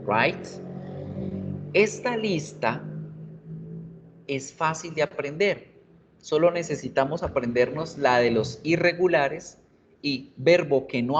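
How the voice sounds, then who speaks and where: A male English teacher giving an online class, explaining grammar in Spanish and slowly repeating English examples. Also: fairly high pitch. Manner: calls students "chicos", jokes in class. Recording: muffled video-class audio, faint hiss.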